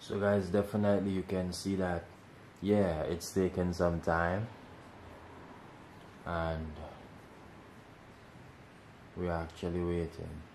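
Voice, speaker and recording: A man's voice: low-pitched, little pitch movement, takes it slowly, long pauses, a little mellow, slight background noise. A man hosting a casual how-to video, explaining each step and repeating instructions as he goes. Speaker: tech tutorial host.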